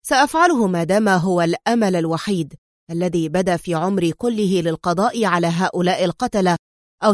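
A woman voicing a weary middle-aged man, despairing yet resolute, speaking low and with halting emotion. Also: dry recording, clean studio sound, lightly acted.

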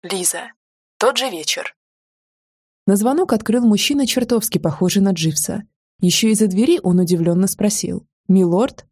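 Brief: female audiobook narrator, expressive first-person read, dry close sound. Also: mid-range voice, normal speed, breathy edge, dry recording.

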